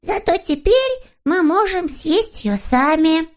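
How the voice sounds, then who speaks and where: Sniff, a woman doing a squeaky small creature. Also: lively intonation, slow, exaggerated voice. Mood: boastful. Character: small greedy boastful male creature.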